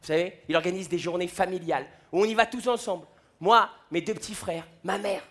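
This young comedian's voice sits high, with a fairly bright tone and a fairly quick delivery. He's doing a stand-up set on a large festival stage through a stage microphone, slipping into quoted voices for the people in his tales.

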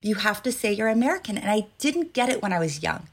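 A woman's voice: mid-range voice, sing-song, fast talker. A middle-aged woman from Iran, a former government official, speaking earnestly as a podcast guest. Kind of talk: interview conversation.

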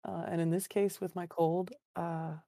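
A woman hoarse from a cold hosts a casual book podcast. Her voice sits a little low and she rambles eagerly. The recording is close and dry. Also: little pitch movement, moderate pace, dark tone, dry recording. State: hoarse, getting over a cold. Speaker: podcast co-host.

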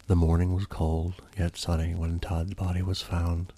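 Deep gravelly ASMR true crime narrator, a man. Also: monotone, moderate pace, dark tone. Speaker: true crime podcast host. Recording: faint music behind the voice. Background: faint music.

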